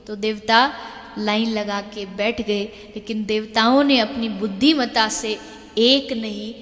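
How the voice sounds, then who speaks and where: A woman giving a devotional sermon with storytelling, emphatic and building to loud repeated refrains. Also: mid-range voice. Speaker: spiritual preacher. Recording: echoey hall with music behind.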